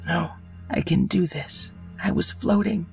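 A man voicing an eager little boy fish hero in a bedtime story, high, excited and earnest. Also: a little slow, creaky, faint music behind.

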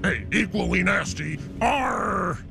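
A man voicing a gruff, boastful pirate captain who growls and barks orders in a children's educational show. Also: high voice, expressive, slow, full character voice. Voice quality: gravelly, growling "arr". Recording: music playing underneath. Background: music.

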